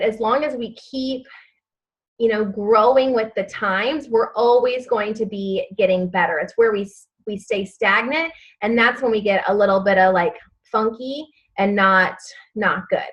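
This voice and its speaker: A woman's voice: on the high side, unhurried, lo-fi sound. A woman leading a live online training session for her sales team, chatty and upbeat with lots of fillers, giving step-by-step instructions and repeating key phrases. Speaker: direct-sales team leader.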